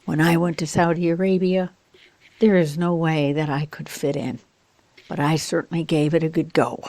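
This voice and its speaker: A woman teaching an online pronunciation lesson as an accent coach, in a slow, deliberate, encouraging way. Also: low voice, fairly even intonation, a little mellow, no room sound.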